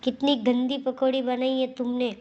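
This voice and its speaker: A woman's voice: high voice, monotone, moderate pace, dark tone, muffled recording, natural voice. A woman doing a nagging old mother-in-law. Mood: scolding. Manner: nagging, complaining. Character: scolding fussy older mother-in-law.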